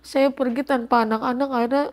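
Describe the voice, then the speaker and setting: A woman's voice: high-pitched, steady tone, brisk, a little mellow. A middle-aged woman giving an emotional personal testimony in an interview, acting out quoted dialogue as she recounts events.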